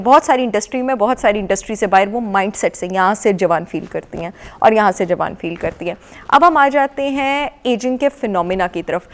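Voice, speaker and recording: A woman with a Pakistani accent, a nutrition expert guest on a TV morning show, lecturing with emphatic repetition and English phrases mixed in. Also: fairly high pitch. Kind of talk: explanatory talk-show chat. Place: television studio.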